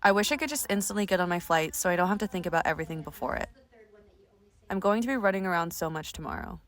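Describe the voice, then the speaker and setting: A woman's voice: on the low side, expressive, fast, a bit bright. A woman reading personal journal entries aloud in a candid, plain-spoken way.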